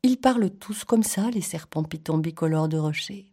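A woman reading a children's story aloud, slow and expressive, with playful storytelling touches. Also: sits low, breathy edge.

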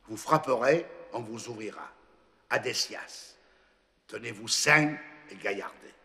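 A hearty, kindly old saint at heaven's gate, as a storyteller puts him on, cheerful and reassuring. He talks slowly, with a bright, tense ring to the voice. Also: medium pitch, lively intonation, vocal fry, in a large hall, full character voice. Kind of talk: storytelling reading.

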